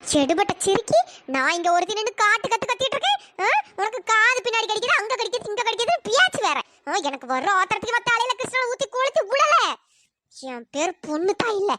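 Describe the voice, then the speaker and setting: Cartoon old mother-in-law, very high, swooping, bright and cutting, shrieking curses. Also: sing-song, quick pace, a little hiss or hum, full character voice. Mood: furious scolding. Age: older. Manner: shrieking, cursing, scolding. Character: shrill scolding old mother-in-law, furious. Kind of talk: cartoon voice acting.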